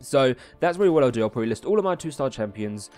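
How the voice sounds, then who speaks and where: A man hosts a gaming video with chatty, casual, colloquial commentary, reading story dialogue aloud theatrically. He talks fast and animated in a mid-range voice with a darkish tone, and game music plays behind him.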